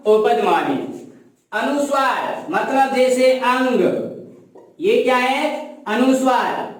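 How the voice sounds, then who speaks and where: A Sanskrit grammar teacher who explains while writing on a board, asks questions and answers them, and drills by repetition. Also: medium pitch. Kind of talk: classroom lesson in Hindi. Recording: very echoey room, voice far from mic.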